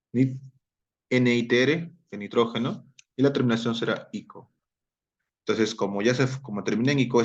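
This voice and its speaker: A man's voice: on the low side, highs cut off. A man teaching a chemistry lesson, explaining step by step, repeating key terms and checking in with his students.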